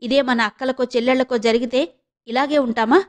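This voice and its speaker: Young man from a storybook, voiced by a woman narrator, agitated, pleading, fairly high voice. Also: fairly even intonation, brisk, close to an everyday voice. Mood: firm. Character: young man, upset and protective student.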